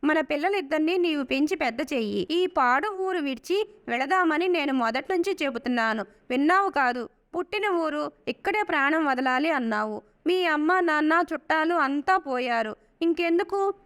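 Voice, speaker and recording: Woman voicing a sad poor brahmin father, earnest, high voice, storybook. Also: lively intonation, normal speed, fairly bright tone. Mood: grieving. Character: poor older brahmin man, grieving father.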